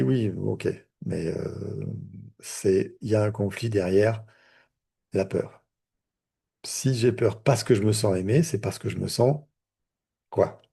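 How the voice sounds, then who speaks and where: Over video call audio, a man who works as a therapist leads a live online class in a loose, conversational style, stumbling through many fillers and restarts. He speaks on the low side, warm and creaky with a breathy edge.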